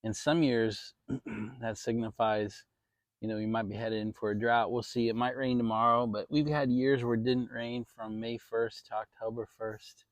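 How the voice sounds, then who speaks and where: Talking outdoors in his shaded backyard, this Maryland vlog host keeps his medium-pitched voice fairly even at a moderate pace, and the highs are cut off. The chat to viewers is relaxed and rambling, occasionally salty, and the recording is dry and echo-free.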